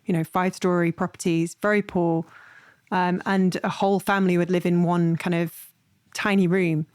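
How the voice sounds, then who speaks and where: A woman's voice: lowish voice, little pitch movement, normal speed, darkish tone, no room sound, studio quality. A woman from Ireland hosting an interview, an engaged listener who chimes in with her own stories. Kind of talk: conversational interview.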